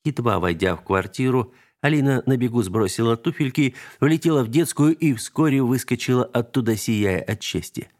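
A man's voice: medium pitch, fairly quick, a little mellow. Man reading a story aloud. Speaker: narrator. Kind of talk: audiobook narration.

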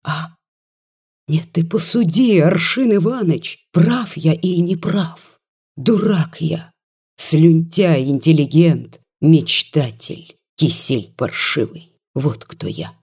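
A reader voicing a drunk, despairing male country doctor who slurs and swings between self-pity and shouting, slow and husky. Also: mid-range voice, full character voice.

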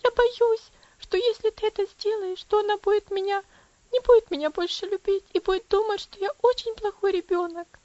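Woman doing a high teary little girl begging her dad, dull dry recording. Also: moderate pace, darkish tone, no room sound. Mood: pleading. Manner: high, pleading, tearful. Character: pleading tearful little girl Elsie.

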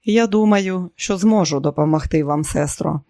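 A gentle middle-aged monk with a quiet, kindly voice, as a male narrator plays him. The tone sits a little high and calm. The reading is dry and close. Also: normal speed, creaky, no room sound. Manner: quiet and kind.

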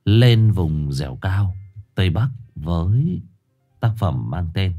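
Host, young adult man, very low voice, stuffy nose, chatty livestream greetings before a story. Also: lively intonation, slow, mellow, soft background music. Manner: greets viewers by name, chatty and joking. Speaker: host of a live horror story reading channel. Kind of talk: livestream chat and story introduction.

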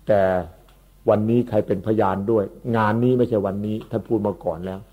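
A man, a monk, giving an unhurried Dhamma sermon that explains Pali terms and repeats his words. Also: medium pitch, slightly rough. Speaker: Buddhist monk. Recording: tinny phone-like recording.

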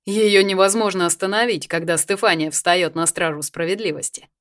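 A woman's voice: lowish voice, fairly even intonation, normal speed, fairly bright tone, natural voice. Woman doing a dry ironic male friend.

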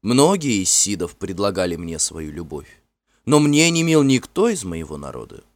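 A man voicing a gentle, frightened young fairy woman who speaks softly and imploringly in a storybook reading. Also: low voice, big pitch swings, normal speed, no room sound. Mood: pleading. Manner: soft, tremulous and imploring.

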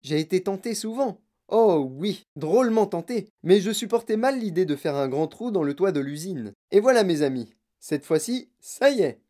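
A storybook reader voicing an eccentric, excitable grown man who makes chocolate and talks in delighted exclamations. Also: mid-range voice, normal speed, few pauses, voice pushed up, lightly acted. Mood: wildly excited.

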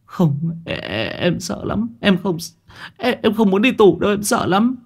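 Brief: a terrified young man, put on by a male narrator, stammering, pitched well up, lively swings. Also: normal speed. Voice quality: stuttering.

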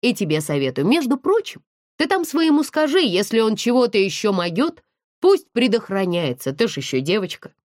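A brash, gossipy young student girl, as a woman reads her out in an audiobook, blunt and teasing with coarse slang. Her pitch leaps up and down constantly. The recording is dry and close, with no room sound. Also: sing-song, moderate pace, a little mellow, dry recording, close to an everyday voice. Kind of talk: audiobook character voice.

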